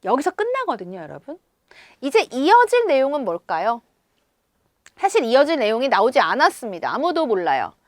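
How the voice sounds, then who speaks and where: A woman teacher explaining a story to schoolchildren, expressive and full of questions to her pupils. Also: high voice, a little fast, dry recording, studio quality. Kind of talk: reading-comprehension lesson.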